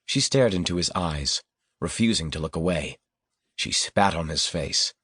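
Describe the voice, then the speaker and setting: A man narrating an audiobook in a grave, steady storytelling manner. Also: sits low, unhurried, breathy edge, dry recording, studio quality. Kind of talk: scripted narration.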